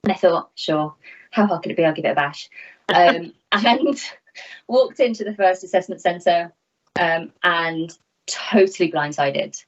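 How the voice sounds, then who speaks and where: A woman in her thirties, an air traffic controller, answers interview questions candidly and with self-deprecating humor from a small room at home. She speaks unhurriedly in a fairly low voice, and the video-call audio is slightly dull, with her laptop at arm's length.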